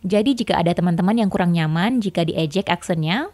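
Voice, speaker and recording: Woman, English tutor, patient step-by-step explainer, slightly low voice, dry sound. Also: fast talker, a little mellow, no room sound. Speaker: English teacher. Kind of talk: explanatory language lesson.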